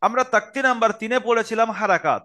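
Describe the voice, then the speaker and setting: Guy teaching arabic pronunciation on a group call, high bright voice, slow and patient, keeps repeating the sounds. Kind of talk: online Quran-reading lesson. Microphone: group video call.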